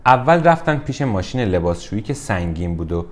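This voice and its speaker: A man narrating a children's storybook in a gentle, measured way. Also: on the low side, big pitch swings.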